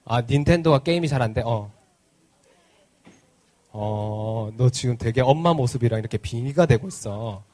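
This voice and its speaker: At a church service, a children's pastor gives an interactive sermon, playfully teasing the kids and peppering them with questions. His voice is mid-range and warm, with a moderate pace and long pauses.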